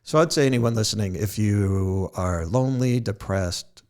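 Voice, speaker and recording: A podcast host with a fairly low, slightly mellow voice talks at normal speed in a casual podcast conversation. He tells self-deprecating stories and laughs at his own jokes.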